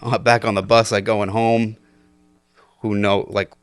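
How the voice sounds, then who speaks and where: Telling stories as a guest on a laid-back podcast, this man in his twenties laughs easily and uses plenty of fillers. He has a lowish, clean voice that barely moves in pitch, speaks at a measured pace, and is recorded without echo.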